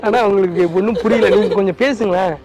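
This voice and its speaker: A man's voice: sits high, steady tone, fast talker. A man hosting a prank video, coaxing and apologizing over and over with nervous laughs. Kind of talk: casual pleading apology. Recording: loud background music.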